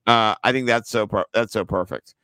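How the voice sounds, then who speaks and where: A man co-hosting a fantasy football podcast in casual chat, laughing often and turning animated when amused. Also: fairly low pitch, moderate pace, dry recording. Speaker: podcast co-host.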